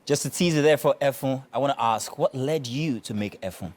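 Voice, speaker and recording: Man, interview host, conversational, echoes answers, mid-range pitch. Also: a little fast, music in the background. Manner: conversational, prompting with mm-hmms, restates answers. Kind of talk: interview questions.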